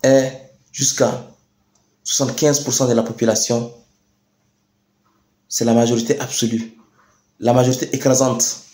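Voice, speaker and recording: A young man with a Chadian French accent giving a rousing political address, emphatic and deliberate, with repeated phrases and rhetorical questions. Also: medium pitch, flat delivery, dark tone. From Chad. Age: young adult. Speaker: youth activist speaker. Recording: echoey room sound.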